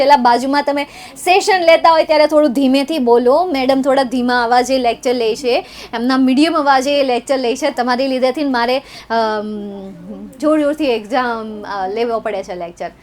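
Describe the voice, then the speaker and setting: Young Gujarati woman tutor, high-pitched, playful and teasing on a live class. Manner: playful, teasing, chatty with students. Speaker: online tutor. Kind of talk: chatty live exam revision lesson.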